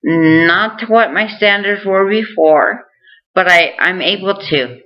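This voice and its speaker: A woman with a somewhat low voice talks to her viewers in an unhurried, deliberate way. She is earnest and encouraging, speaking casually to camera. The recording sounds dull and lo-fi. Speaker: vlogger sharing recovery tips. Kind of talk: casual direct-to-camera talk.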